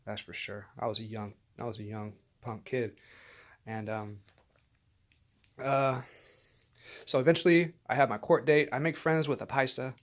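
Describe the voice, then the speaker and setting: A man's voice: mid-range voice, steady tone, moderate pace, long pauses. A man vlogging as he tells a personal story in a casual, rambling way, swearing often and restarting his sentences with many fillers.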